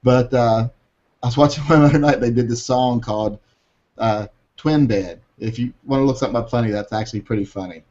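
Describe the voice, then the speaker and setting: A man's voice: medium pitch, brisk, a little mellow, muffled recording. A man co-hosting a casual chat, telling stories in a snarky, profane way. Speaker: podcast co-host.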